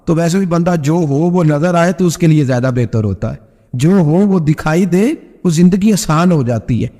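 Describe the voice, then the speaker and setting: A man preaching a sermon in the storytelling style, impassioned, climbing to high emphatic peaks and dropping low when he quotes people. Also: warm tone. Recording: reverberant hall.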